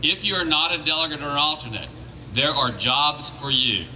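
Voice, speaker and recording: A plain-spoken man giving an informal political speech as a campaign organiser, with halting restarts. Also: a little high, bright, forceful tone. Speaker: campaign organiser addressing volunteers. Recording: crowd noise behind live speech. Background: crowd.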